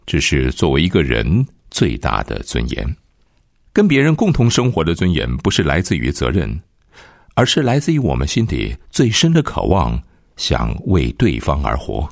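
A male preacher delivering a sermon to radio listeners in a deep voice. His delivery is emphatic, swooping between high and low with great animation. The recording is dry and close. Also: huge pitch swings, normal speed, vocal fry, no echo. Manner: emphatic, rises and falls dramatically.

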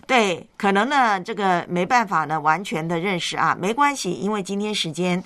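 A woman's voice: fairly low pitch, lively intonation, moderate pace, fairly bright tone, no room sound. Woman host with a dry, close sound. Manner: coaxing, affectionate way of talking to children. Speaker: radio call-in host. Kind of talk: live chat with child callers.

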